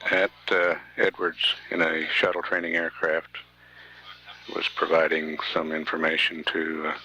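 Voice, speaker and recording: A man giving live mission control commentary in a halting, measured way, often pausing mid-sentence. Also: very deep voice, completely flat delivery, pushed and bright, highs cut off. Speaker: mission control public affairs announcer. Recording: faint radio hiss.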